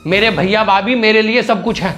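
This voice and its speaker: A man plays a young husband in a family comedy skit who talks in a fairly high voice. He scolds and lectures insistently, standing loyally by his elder brother. Soft music plays faintly underneath. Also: brisk. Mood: scolding. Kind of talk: scripted family comedy scene.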